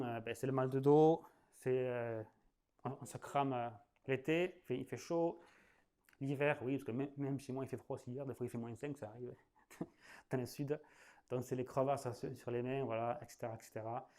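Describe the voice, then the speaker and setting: This sales trainer speaks with a warm, medium-pitched voice at a moderate pace, his intonation fairly even. He's a southwestern French man in his late thirties running an informal masterclass, rambling through fillers, starting sentences over, and chuckling at his own humor.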